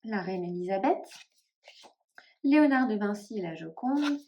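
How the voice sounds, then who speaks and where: A woman's voice: mid-range voice, lively intonation, measured pace, warm tone, muffled recording, a little hiss or hum. Hesitant woman musing over tarot cards. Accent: northern French (Ch'ti). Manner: hesitant, musing, many fillers and trailing off. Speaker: tarot vlogger. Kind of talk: casual chat to camera.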